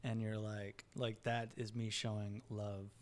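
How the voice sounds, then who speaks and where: A man's voice: lowish voice, little pitch movement, unhurried. A man co-hosting a podcast in casual chat, joking and laid-back, laughing between lines. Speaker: podcast co-host.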